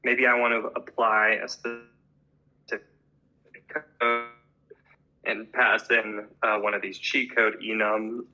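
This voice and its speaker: A man's voice: fairly low pitch, flat delivery, slow, long pauses, bright, forceful tone, poor audio. A man giving a technical conference talk over a video call, his audio cutting out, with many fillers like "uh" and "like". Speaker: presenter.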